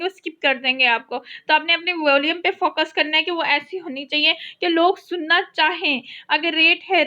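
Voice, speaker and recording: A woman giving a conversational lecture, mixing English terms into her Urdu-Hindi and reading English lines slowly. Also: sits high, pushed and bright. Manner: conversational, repeatedly checks in with the listener. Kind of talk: explanatory lecture. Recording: dull lo-fi recording.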